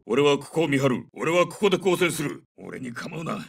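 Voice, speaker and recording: A man's voice: on the high side, lively intonation, a little fast, far from the mic. A man voicing a terse, battle-hardened special forces captain who calls out short, urgent tactical lines in a military shooter game. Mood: low, steady. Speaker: soldier calling out combat voicelines.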